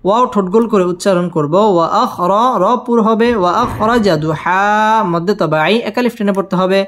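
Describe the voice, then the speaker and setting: A man teaching Quran recitation, spelling out letters and vowel marks one by one and then chanting each verse slowly. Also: high-pitched, a bit bright.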